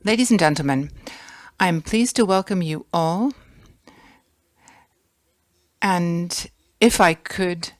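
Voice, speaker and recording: Woman, low voice, formal conference welcome, dry close sound. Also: no room sound. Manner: gracious, formal, listing guests with pauses. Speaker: conference host. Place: conference hall.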